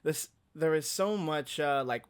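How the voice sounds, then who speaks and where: A man's voice: a little high, unhurried, clean tone. A man hosting a podcast, talking animatedly with lots of "like" fillers and acting out quoted reactions. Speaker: podcast host. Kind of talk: casual podcast conversation.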